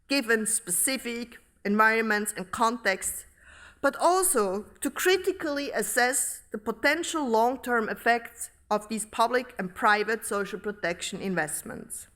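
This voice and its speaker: A middle-aged woman from Switzerland, giving a formal academic lecture at a podium microphone in a large hall, reading in a measured, deliberate way. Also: on the high side, bright, forceful tone. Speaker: professor giving inaugural lecture.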